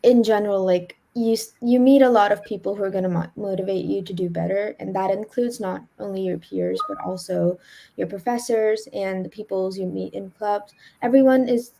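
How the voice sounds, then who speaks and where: A young woman from India, a student panelist, talking in a quick, casual way with many fillers. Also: medium pitch, fairly even intonation, gravelly, dark tone, a little hiss or hum. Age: young adult.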